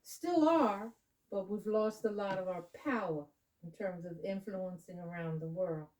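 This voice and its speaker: A woman leading children in a home lesson, coaching them patiently with slow, drawn-out explanations. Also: medium pitch, a little mellow, far from the mic, poor audio. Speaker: adult leading children in a candle lighting. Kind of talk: home teaching talk. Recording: voice from away from the mic.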